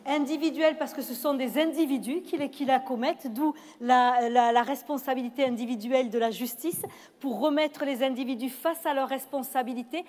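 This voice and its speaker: A woman moderating a panel discussion, measured and reflective, with some hesitant restarts. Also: sits high, darkish tone. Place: event hall. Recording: long reverb of a hall.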